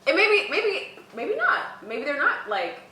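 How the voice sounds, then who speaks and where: A young woman with a bright, forward voice talks casually and with giggly, slangy animation. She sounds like a co-host chatting with friends. The room rings with echo and the mic sits a little away from her. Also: extremely high pitch, very animated, unhurried. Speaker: mukbang co-host answering viewer questions. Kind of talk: casual girl-talk chat. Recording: roomy echo, distant mic, faint noise.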